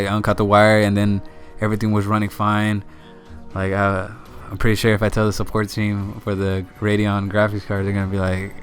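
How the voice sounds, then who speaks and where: A young man telling a long casual story to his channel, rambling with many fillers and repeated words. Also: fairly low pitch. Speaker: channel host.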